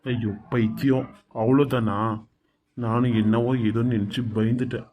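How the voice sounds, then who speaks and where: Man as a tender husband in a Bangalore Tamil cartoon serial, warm dark voice, coaxing and reassuring. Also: mid-range voice, little pitch movement, moderate pace, slight background noise, close to an everyday voice. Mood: comforting. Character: caring young husband, gentle and protective.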